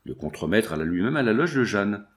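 A man narrating a classic novel as an audiobook, in a measured, even reading. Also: fairly low pitch. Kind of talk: scripted narration.

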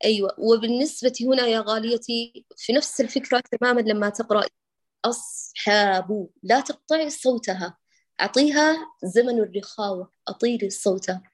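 Patient woman teaching recitation. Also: fairly high pitch. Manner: patient, affectionate, demonstrates sounds slowly. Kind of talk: correcting recitation in an online lesson.

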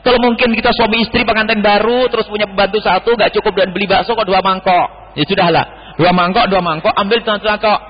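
A man preaching a sermon, dropping to low murmurs and jumping to high exclamations as he acts out dialogue. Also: steady tone, quick pace, husky. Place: large mosque hall. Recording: muffled hall recording with long reverb.

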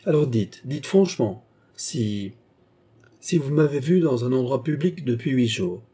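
A man's voice: medium pitch, animated, unhurried, warm tone, husky, pitched above the performer's own voice. A man reading an audiobook, voicing a proud, furious queen with indignant, imperious outbursts. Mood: demanding. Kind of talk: audiobook character voice.

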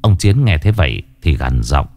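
A man narrating a ghost story in an expressive, dramatic way. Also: normal speed. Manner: expressive, swinging pitch. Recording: narration over background music.

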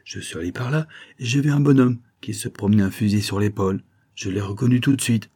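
A man's voice: on the low side, fairly quick, warm tone, husky. A man doing a sly scheming valet. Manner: knowing, evasive. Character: sly scheming male servant.

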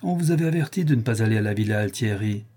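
A man's voice: fairly low pitch, expressive, fast, dark tone. A man voicing a mysterious hooded monk who speaks with solemn, imperious authority.

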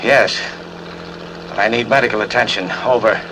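A hurt skipper on marine radio. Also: male voice, lowish voice, steady tone. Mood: urgent. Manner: slow, measured, repeats call signs. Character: injured man radioing for help from a boat. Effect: marine radio transmission. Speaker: boat skipper calling harbor. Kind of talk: 1940s film dialogue. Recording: old film audio, loud boat engine noise.

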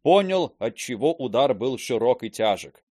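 A man's voice: mid-range voice, sing-song, moderate pace, darkish tone, dry recording, studio quality. A man narrating a classic novel as an audiobook, telling the story expressively.

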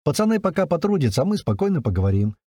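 A man voicing a calm, wry male commander who explains matter-of-factly. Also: a little high, racing, no echo, clean studio sound, voice pushed up. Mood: explaining.

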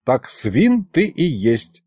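A man's voice: fairly high pitch, big pitch swings, unhurried, darkish tone, no room sound, clean studio sound. A man voicing a grumpy, quarrelsome old male ghost wizard who scolds and uses folksy old sayings. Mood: cranky.

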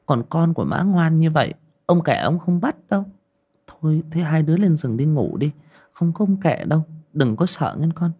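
A man's voice: a little high, lively intonation, normal speed, slightly rough, pitched above the performer's own voice. A man putting on a fretful, coaxing young mother. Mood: soothing. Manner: soft, coaxing, fussing. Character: anxious young mother soothing her frightened children.

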